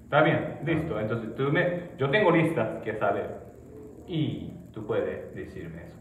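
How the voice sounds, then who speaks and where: An animated, playful man with a Japanese accent hosts a quick quiz. His pitch jumps around in lively exclamations. The room is echoey, with faint noise. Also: muffled recording. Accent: foreign, Japanese. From outside Venezuela. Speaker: host. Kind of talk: light street-interview style quiz. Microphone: camera at a few feet.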